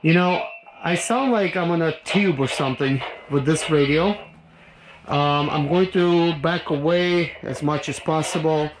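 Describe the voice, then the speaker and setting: Unhurried and fairly high-pitched, a man reviews a product by trying it himself and musing aloud in a casual, rambling way. The recording carries clicks and background noise.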